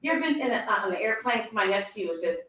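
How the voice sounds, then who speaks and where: A woman's voice: medium pitch, lively intonation, racing, fairly bright tone, very echoey, recorded from a distance, dull audio. A woman giving a motivational talk to her sales team, acting out quoted thoughts and laughing often.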